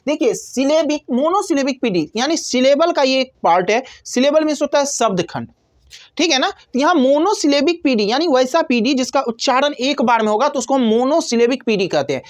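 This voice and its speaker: A woman's voice: high voice, no room sound. A woman teaching a grammar lesson, explaining step by step and asking and answering her own questions.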